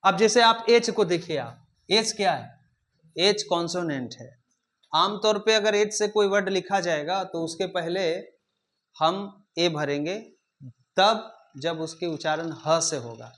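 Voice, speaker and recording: A male English teacher leads a classroom grammar lesson in a high, lifted voice. He keeps firing questions at the students and repeats his prompts until they answer. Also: unhurried, fairly bright tone.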